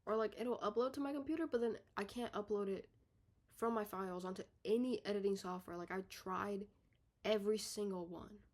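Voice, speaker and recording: A young woman vlogging from her bedroom, a little out of breath, her voice sitting at an ordinary middle pitch for a woman. She rambles loosely and swears in passing. She keeps correcting herself and lets her sentences fade out quietly. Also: a little fast. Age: young adult. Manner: rambling, self-correcting, swears casually, trails off softly. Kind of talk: casual unedited video diary.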